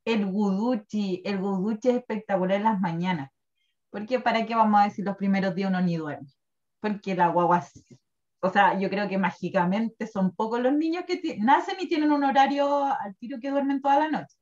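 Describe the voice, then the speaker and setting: A woman's voice: mid-range voice, normal speed, a little mellow. A chatty woman in her thirties with a Chilean Spanish accent and a mid-range voice. She talks casually and with feeling, and laughs often. The recording sounds muffled and lo-fi. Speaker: guest presenting wellness products. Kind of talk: casual chat. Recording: dull lo-fi recording.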